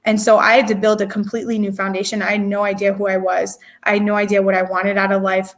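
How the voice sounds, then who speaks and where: A woman's voice: mid-range voice, little pitch movement, fast talker. A woman in her twenties, an interview guest telling a personal story in a candid, emotional way, with many fillers and restarts. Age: 20s.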